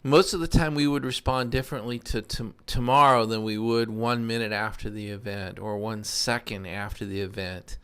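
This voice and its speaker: A man's voice: on the low side, fairly even intonation, normal speed, hardly any pauses, bright, forceful tone, smooth. A man, giving a casual, earnest motivational talk. He reflects on his own failings in a self-deprecating way. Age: 50s. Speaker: self-improvement podcast host.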